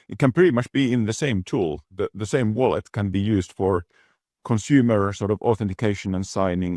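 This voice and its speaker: Male exec guest, deep voice, deliberate and halting delivery, dry sound. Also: darkish tone, no echo. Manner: measured, thoughtful, frequent restarts and repeated words. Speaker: guest executive. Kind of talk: business interview.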